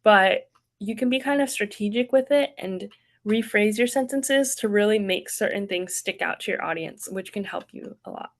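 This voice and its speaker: A young woman teaches writing in an online workshop, talking casually and with an upbeat tone, filling pauses with ums and likes. Her voice sits at an ordinary middle pitch for a woman. It comes through a video call.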